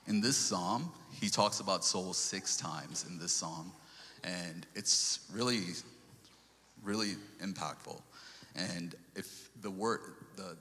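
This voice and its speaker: A low-pitched man from Sri Lanka speaks with a sharp tone in a large hall, giving an earnest church testimony as a lay speaker. He quotes scripture and stumbles over restarts.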